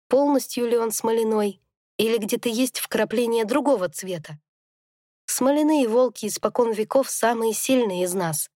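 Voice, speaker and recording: A woman narrating a first-person fantasy audiobook in a calm, reflective storytelling manner. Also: on the high side, no room sound, studio quality.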